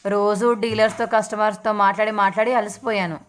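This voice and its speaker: A smug young businessman son, boastful and whining to his father, read aloud by a woman. His voice sits at a mid pitch. It is a recap storytelling read. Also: level tone, brisk, a little hiss or hum, close to an everyday voice. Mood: whiny. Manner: complaining, boastful.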